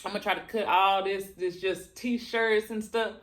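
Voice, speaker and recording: A woman chatting casually and colloquially to viewers during a mukbang, chewing as she talks and pausing between bites. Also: medium pitch, fairly even intonation. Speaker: mukbang vlogger. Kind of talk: casual chat to viewers while eating.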